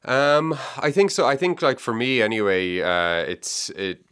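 A man's voice: mid-range voice, very animated, a little slow, a bit bright, clear, resonant tone. An Irish man in casual interview talk, rambling a little and repeating words with plenty of fillers. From Ireland. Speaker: debut novelist guest.

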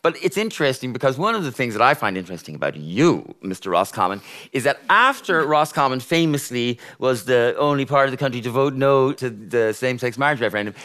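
A man's voice: medium pitch, very animated, quick pace, a bit bright. A man with an Irish accent hosting a panel chat in a discursive, teasing, conversational way. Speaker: host.

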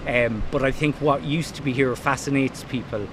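A man's voice: medium pitch, fairly even intonation, moderate pace. A man with a west of Ireland accent explaining his work and plans in an interview. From Blacksod Bay, County Mayo, Ireland. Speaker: founder of a maritime heritage company. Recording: faint outdoor background noise.

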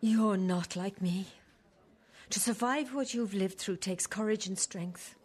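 A woman's voice: mid-range voice, unhurried, a little mellow, natural voice. A woman acting as a guilty, defensive older mother in a drama, pleading and hesitant with her estranged daughter. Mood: remorseful. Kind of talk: dramatic two-hander dialogue.

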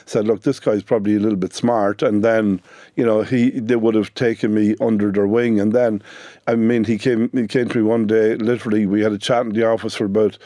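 A man's voice: fairly low pitch, flat delivery, fairly quick, warm tone, dry recording. A middle-aged man with a west of Ireland accent, telling his own story conversationally as a business owner in a radio interview. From Sligo, west of Ireland.

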